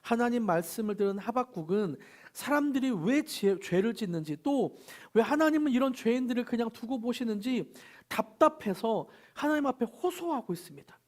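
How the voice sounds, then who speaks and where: A man's voice: very high-pitched, lively intonation, normal speed, few pauses. Man, pastor, Sunday sermon, speaks the prophet's laments in first person, leads group scripture reading.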